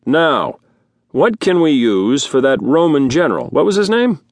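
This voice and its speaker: A man's voice: a little high, very animated, a little slow, no echo, voice pushed up, exaggerated voice. A man voicing a jovial, heavyset human host who speaks in a showy, pompous way. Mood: playful. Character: jovial obese older human dinner host.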